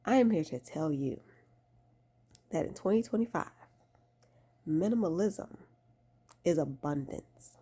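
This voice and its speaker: A woman in her late twenties talks casually to camera as a vlogger offering faith-based lifestyle advice, exhorting emphatically and repeating key phrases for weight. Her voice is on the low side, animated, unhurried and warm, slightly rough, with long pauses.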